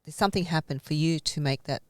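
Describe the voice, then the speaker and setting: Podcast host asking halting questions. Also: mid-range voice, no room sound, clean studio sound. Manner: warm, laughing, searching for words. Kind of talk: casual interview questions.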